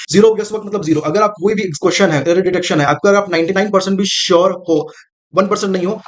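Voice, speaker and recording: A man coaching students on exam strategy in a casual, direct way, repeating his points and calling the listener brother. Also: high-pitched. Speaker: exam prep mentor. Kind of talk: casual coaching talk to camera.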